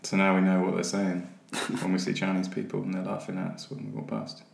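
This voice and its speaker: A man with a very low voice hosts a casual podcast chat, teasing and laughing often. He sounds crude and playful. The room is echoey. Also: flat delivery, gravelly, a little mellow. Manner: joking, crude, quick to laugh. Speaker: podcast co-host. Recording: roomy echo.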